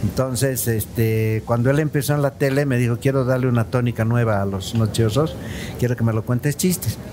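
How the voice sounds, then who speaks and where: A man in his sixties from Bolivia tells stories as a podcast guest in an easy, rambling way. He repeats words and keeps calling the host brother. A clear hum of background noise sits under his mid-pitched voice. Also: normal speed. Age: 60s. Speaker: podcast guest, comedian and dental technician. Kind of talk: casual interview chat. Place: studio set with a round table, at night.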